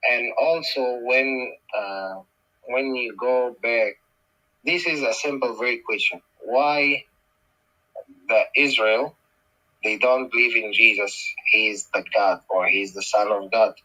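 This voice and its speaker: Male guest speaker, Tongan accent, bright and forceful. Emphatic religious explainer who repeats key phrases. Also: mid-range voice, a little slow, poor audio. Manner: emphatic, repeats phrases, poses rhetorical questions.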